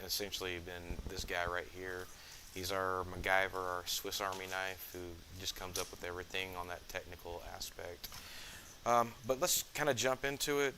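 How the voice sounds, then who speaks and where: A man's voice: deep voice, bright, forceful tone, a little hiss or hum, rough recording. A man from Northeast Texas hosting a casual interview, chatty and jokey, rambling a bit. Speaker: podcast host. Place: school campus room.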